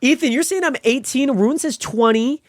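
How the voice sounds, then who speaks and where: A man's voice: moderate pace, dry recording, clean studio sound. A man in his twenties from the Pacific Northwest, streaming and chatting casually with viewers in a rambling, friendly way. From Spokane, Washington. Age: 20s. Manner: rambling, friendly, animated with sudden high pitch jumps. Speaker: livestreamer. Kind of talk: casual stream chat reading viewer comments.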